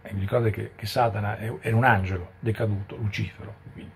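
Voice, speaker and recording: A man's voice: lowish voice, fairly even intonation, fast, breathy edge. A man giving a catechesis talk as a preacher, speaking conversationally with frequent rhetorical asides.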